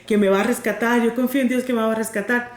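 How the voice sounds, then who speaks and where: A stubborn old lady, high and insistent, who says the same thing again and again, as a woman storyteller puts her on. The voice sits well above a normal speaking pitch. The room around it is echoey. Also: steady tone, fast, close to an everyday voice. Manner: insistent, repeating herself.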